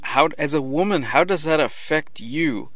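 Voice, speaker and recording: A man's voice: fairly high pitch, moderate pace, fairly bright tone, dry recording. A man in a casual conversation, thoughtful, building up a long question for another speaker.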